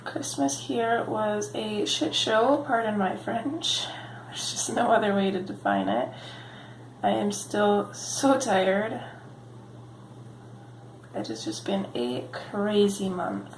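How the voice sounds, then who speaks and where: Speaking slowly in a mid-range voice, a woman rambles easily through a coloring tutorial on her channel, full of ums and slightly sniffly from a cold. The recording is low quality and reverberant, with a bit of background noise.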